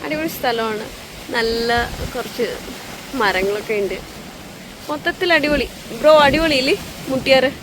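Female vlogger, higher-pitched, casual, code-mixes English; clearly noisy outdoor recording. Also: moderate pace, long pauses. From Lakshadweep, India. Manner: mixes English words into Malayalam. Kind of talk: casual chatty vlog. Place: outdoors at a park by a beach.

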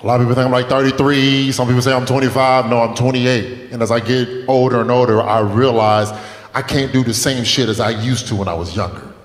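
A man in his late twenties performs stand-up on stage, telling loose, profane stories and working the crowd. His medium-pitched voice holds a steady tone at a slightly fast clip. The club is echoey with long reverb, and the audience laughs in the background.

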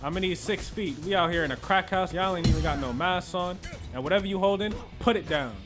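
A man giving joking, slangy commentary as he plays through a video game, with loud reactions. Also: sits high, a little fast, over music. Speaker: gaming channel host. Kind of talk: casual playthrough commentary.

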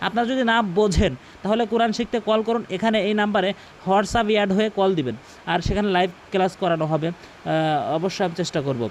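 A man with a high-pitched voice teaches recitation, explaining pronunciation rules step by step. He repeats each word slowly and with firm emphasis, drilling it for the listener. A faint hiss sits under the close-miked voice. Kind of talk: instructional explanation with slow recited examples.

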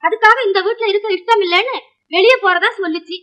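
A woman's voice: extremely high pitch, fast talker, bright, forceful tone. An actress playing a chatty, scolding woman of the household in a 1950s film, rambling through her story. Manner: scolding, rambling tale-telling.

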